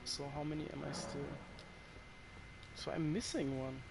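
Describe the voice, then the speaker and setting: A streamer with a German accent talks casually to his chat while playing a game, cursing whenever it frustrates him. His voice is fairly high and moderately paced, with background noise audible.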